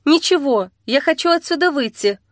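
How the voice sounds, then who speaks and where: A woman's voice: lively intonation, moderate pace, no echo, clean studio sound. Woman voicing a frightened, stubborn young woman. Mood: anxious. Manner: urgent, pleading, rises high when upset.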